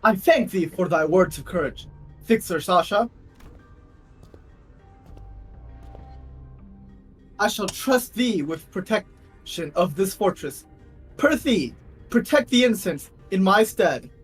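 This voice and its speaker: 一位女性在游戏台词朗读中扮演浮夸而热诚的年轻女骑士，说话古雅，富有戏剧腔，背景有轻微音乐。. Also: female voice, mid-range voice, animated, unhurried, husky. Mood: solemn gallantry. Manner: theatrical, grandiose archaic speech. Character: pompous, gallant young woman knight, exuberant and earnest. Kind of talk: dramatic live read of game dialogue. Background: faint music.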